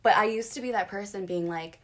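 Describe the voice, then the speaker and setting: Female podcast co-host, mid-pitched, conversational, rambling, self-deprecating. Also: a little fast. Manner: self-deprecating, rambling, acts out quoted remarks. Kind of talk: casual chat.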